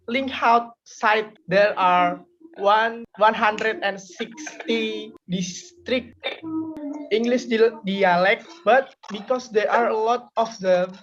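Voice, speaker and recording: A young woman giving a class presentation, pausing and correcting herself often. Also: a little high, lo-fi sound. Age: young adult. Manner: hesitant, self-correcting. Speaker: student presenter.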